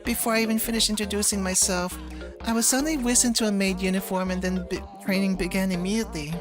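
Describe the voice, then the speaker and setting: A woman plays a shy young game-developer girl, anxious and easily flustered. She speaks hesitantly at a medium pitch and stammers, with game music clearly audible behind her. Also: fairly even intonation, fast talker, close to an everyday voice. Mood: timid, anxious.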